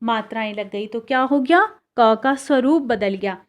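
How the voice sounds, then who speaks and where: A woman's voice: on the high side, normal speed. A woman teacher giving a patient lesson on how speech sounds are made, having children repeat after her. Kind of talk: classroom lesson on pronunciation.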